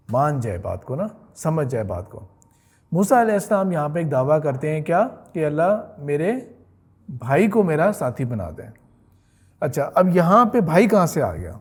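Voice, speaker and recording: A man lectures on religious history in a relaxed, talkative way. His voice sits a little high for a man. He often pauses to check that his listeners follow him and drops English words into his talk. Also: slightly rough.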